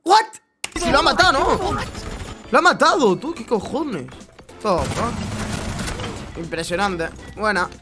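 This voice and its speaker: A man's voice: very high-pitched, lively intonation, measured pace, long pauses, music in the background. A young man from Spain with a Spanish accent, reacting to gameplay clips, exclaiming, laughing and swearing as he goes. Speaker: gaming YouTuber reacting to clips. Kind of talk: excited gameplay reaction commentary.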